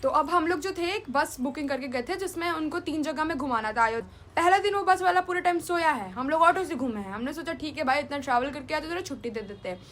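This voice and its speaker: A young woman telling a travel story in a casual storytime vlog, chatty and animated, mixing in English words. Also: sits high, quick pace, few pauses. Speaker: vlogger.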